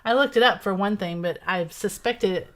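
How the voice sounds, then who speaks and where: A middle-aged woman co-hosting a relaxed live-stream sale. She talks in a chatty, easygoing way and likes to tell little stories. She laughs easily between her lines. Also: medium pitch, normal speed. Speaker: co-host of a live resale show. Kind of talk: casual live-stream chat.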